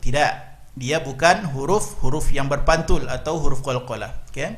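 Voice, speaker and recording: A man teaching Arabic letter pronunciation, patiently repeating syllables in sing-song drills and explaining mistakes in a lower voice. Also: moderate pace, fairly bright tone. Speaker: Quran recitation teacher. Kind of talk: slow instructional drilling of letter sounds.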